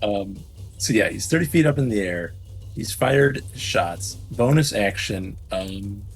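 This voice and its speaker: A man playing a tabletop role-playing game, chatting casually and hesitantly as he thinks aloud. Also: lowish voice. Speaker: player.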